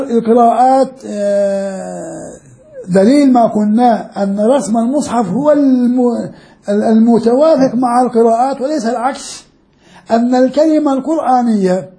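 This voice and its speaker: A man's voice: very high voice, mellow. An older man, a sheikh and professor, lecturing students and repeating key phrases as he explains. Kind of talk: classroom lecture.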